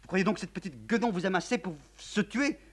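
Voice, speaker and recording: A man voicing a haughty, scornful countess with a shrill voice in a play reading. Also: animated, a little fast, slight background noise.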